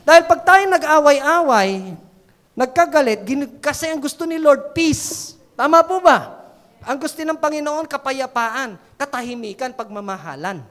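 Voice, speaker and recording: A woman's voice: sits high, lively intonation, normal speed. A woman pastor preaching a sermon, telling everyday stories and often prompting the congregation to answer back. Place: church sanctuary. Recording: long church reverb.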